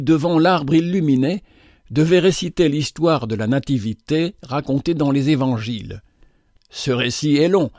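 A man reading a novel aloud in a measured, expressive manner. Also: medium pitch, no echo, clean studio sound. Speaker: narrator. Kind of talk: scripted narration of a novel.

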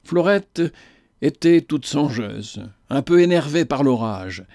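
A man reading a literary novel aloud in the first person, in a measured, unhurried manner. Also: fairly high pitch, animated, dark tone, no echo, clean studio sound. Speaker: narrator.

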